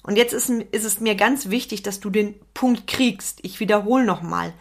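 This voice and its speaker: A middle-aged woman delivers a motivational podcast monologue for entrepreneurs. She speaks straight to the listener with emphasis, circling back to repeat her main points. Her voice sits at an ordinary middle pitch. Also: moderate pace. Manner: emphatic, repeats key phrases, addresses listener directly. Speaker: podcast host and business coach.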